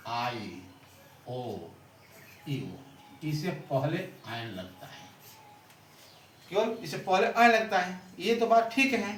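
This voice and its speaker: A male teacher explains grammar at the blackboard, repeating points and quizzing the class as he writes. His voice is a little high, with slight hiss or hum, and the recording is roomy and echoey, far from the mic with faint ambience.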